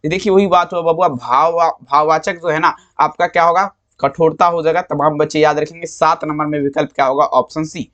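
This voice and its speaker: A man's voice: fairly high pitch, steady tone, fairly quick, hardly any pauses, a bit bright. A man teaching students, going over exam answers with affectionate, repetitive coaching. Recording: slightly dull lo-fi sound.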